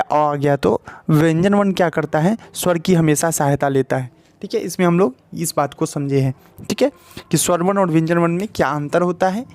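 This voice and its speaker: Man teaching English in a higher voice. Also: a little mellow. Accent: Hindi. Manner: explains step by step, often adds "ठीक है" and asks questions to the viewer. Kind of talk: spoken English lesson at a board.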